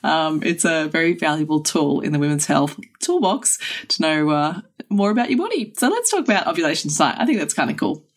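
A woman with an Australian accent and a croaky, froggy voice, co-hosting a podcast in casual chat. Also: low-pitched, very animated, brisk. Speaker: podcast co-host.

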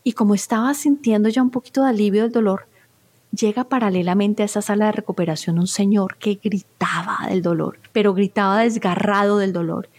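A woman's voice: mid-range voice, fairly even intonation, brisk, a little mellow. A middle-aged woman, a spiritual therapist, speaks as an interview guest and tells personal stories in an earnest, heartfelt way. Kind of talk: interview conversation, personal storytelling.

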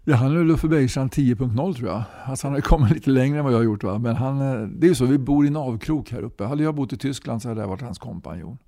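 A man's voice: mid-range voice, few pauses, dark tone, dry recording, clean studio sound. A man in his sixties, a talkative interview guest who keeps tagging his sentences with a questioning "va?". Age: 60s. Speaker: guest, musician and movement leader. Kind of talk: casual conversational interview.

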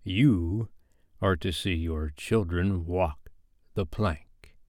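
A man voicing a gloating, menacing pirate captain who draws out his words slowly in a storybook reading. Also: low voice, a little mellow, dry recording, clean studio sound. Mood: gloating menace. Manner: slow, drawn-out, roaring or syrupy menace.

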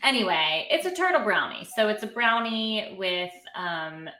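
Giggly, lively woman co-host in an echoey room. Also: mid-range voice, normal speed, crowd noise. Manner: giggly, playful, tripping over words. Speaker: podcast co-host. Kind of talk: casual chat.

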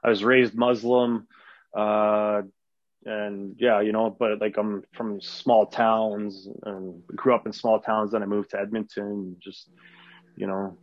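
Rambling through casual interview answers, this low-voiced wrestler guest from Canada, a native Arabic speaker, keeps restarting and filling pauses. He speaks slowly with little pitch movement, and the lo-fi recording sounds dull and dry, with no room sound.

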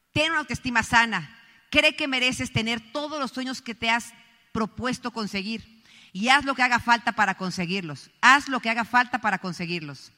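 Middle-aged colombian-born woman on stage, punchy bright voice, echoey hall. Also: fairly high pitch. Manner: emphatic, storytelling, addresses the audience directly. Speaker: motivational speaker at a business event. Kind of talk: motivational stage talk.

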